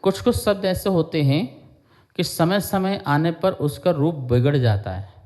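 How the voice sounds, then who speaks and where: A man teaching a devotional lesson, slowly explaining a hymn verse by verse, chanting lines and drilling their pronunciation. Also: a little high, a little mellow. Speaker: Jain monk teaching scripture.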